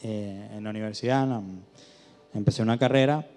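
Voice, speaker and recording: Guy preaching in church, chatty stories then big emphatic bits, warm tone, echoey hall. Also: lowish voice, steady tone, moderate pace, soft background music. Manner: conversational storytelling with rising emphatic peaks. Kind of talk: sermon.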